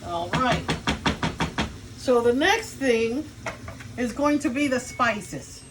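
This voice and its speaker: A woman's voice: on the high side, lively intonation, takes it slowly, slight background noise, rough recording. A woman with a Cuban accent giving a casual home cooking demonstration in her kitchen. She talks viewers through each step and jokes with the person filming. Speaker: home cook demonstrating a recipe.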